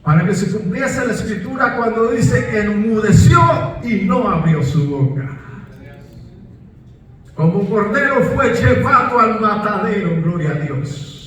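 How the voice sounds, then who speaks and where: Fervent male pastor in an echoing church. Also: high-pitched. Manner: fervent, bursts into shouts, interjects "aleluya". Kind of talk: Pentecostal-style sermon. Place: church sanctuary. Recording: echoey hall, distant mic, faint noise.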